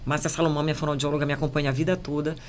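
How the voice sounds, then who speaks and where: A woman journalist with a Paraense Brazilian accent, speaking as a podcast guest in a measured, emphatic, explanatory way. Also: low-pitched, level tone, a little hiss or hum. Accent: Paraense Brazilian Portuguese. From Belém, Pará, Brazil. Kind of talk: podcast conversation.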